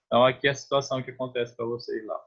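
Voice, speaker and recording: Brazilian male math teacher, husky, mid-pitched, talks students through each step, dull lo-fi class audio. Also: fairly even intonation, rapid-fire. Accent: Brazilian Portuguese. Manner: explains step by step, often checks with "né?" and "tá?"; conversational, restarts phrases while drawing. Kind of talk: online math lesson.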